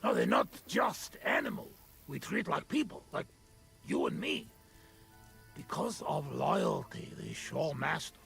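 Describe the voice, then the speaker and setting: Gravelly drinking buddy, broken english, teasing, loud. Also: male voice, fairly high pitch, very animated, measured pace, faint music behind, full character voice. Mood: earnest. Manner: boisterous, teasing. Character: rough, boisterous man with a thick foreign accent, drinking companion. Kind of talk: game voice acting.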